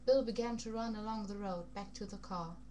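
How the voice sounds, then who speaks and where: A woman's voice: mid-range voice, a little fast, warm tone. Woman reading fiction in a put-on foreign accent. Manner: stumbles over words and rereads phrases. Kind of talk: amateur reading aloud of a vampire novel. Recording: noisy recording with background hum.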